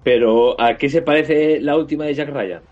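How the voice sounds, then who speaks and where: A man's voice: on the high side, moderate pace. A man with a Castilian accent giving casual reviews as a podcast panelist. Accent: Castilian Spanish. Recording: dull lo-fi sound, music behind.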